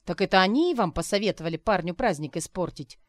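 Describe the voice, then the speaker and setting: A woman reading as a blustering man teacher, gruff, bossy, lowish voice, dry sound. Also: animated, quick pace, no echo, natural voice. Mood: accusing. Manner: gruff, barking, self-important. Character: blustering, boorish male schoolteacher.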